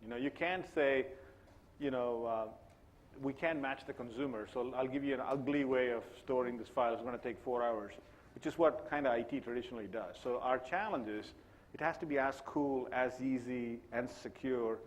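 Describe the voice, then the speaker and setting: A man's voice: mid-range voice, moderate pace, slight background noise. A man on a conference panel, talking in a loose, conversational way with frequent restarts. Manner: conversational, many restarts and "you know". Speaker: panelist CIO. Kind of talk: panel discussion.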